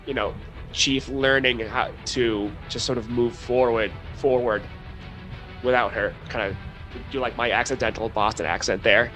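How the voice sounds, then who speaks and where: A man co-hosting a podcast, talking at a middling pitch in a blunt, wry way, full of "you know" and "um". Faint music sits under his voice. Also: sharp tone, poor audio. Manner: blunt, wry, many fillers. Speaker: podcast co-host. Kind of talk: casual chat.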